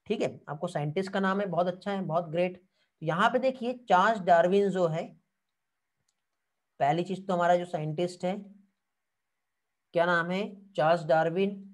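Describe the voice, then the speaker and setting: A man's voice: high-pitched, steady tone, normal speed, long pauses. A male biology teacher giving an online exam-prep lecture. He calls the students 'beta', checks often whether they follow, and answers their comments. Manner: calls students 'beta', keeps asking 'theek hai'.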